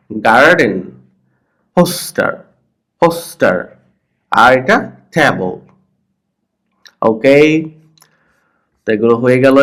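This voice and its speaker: A Bangladeshi man teaching English to children with a cold, repeating words slowly and saying the first syllable loudly and the rest softly. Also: medium pitch. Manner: playful teasing of pupils. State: has a cold. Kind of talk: slow explanatory lesson for children.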